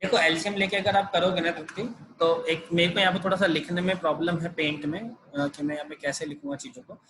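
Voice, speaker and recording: A man's voice: on the high side, steady tone, fast talker, a bit bright, a little hiss or hum, low-quality recording. A man teaching a math class over a video call, explaining each step patiently. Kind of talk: online math lesson.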